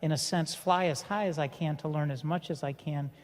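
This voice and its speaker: A man's voice: fairly high pitch, fairly even intonation. A middle-aged man telling a personal story on a conference panel, with frequent restarts and fillers. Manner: halting, many restarts and fillers. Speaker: panel speaker. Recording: long reverb in a hall.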